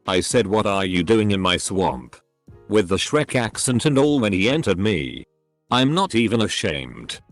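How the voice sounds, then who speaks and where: A man reading out online posts in a flat, machine-like way, spelling some words letter by letter. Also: fairly low pitch. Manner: reads abbreviations letter by letter, odd phrasing. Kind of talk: flat text-to-speech reading.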